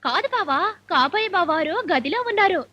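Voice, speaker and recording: An actress playing a coy young woman in love in a film comedy, speaking softly. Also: very high-pitched, animated, fairly quick. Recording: slightly dull film audio.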